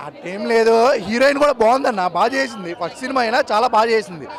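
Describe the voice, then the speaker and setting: Guy with a very high voice talking quick, weighing up a film he just saw, faint crowd outside. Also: expressive, fairly bright tone. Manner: measured, critical, weighs pros and cons. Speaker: moviegoer giving a review. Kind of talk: street review.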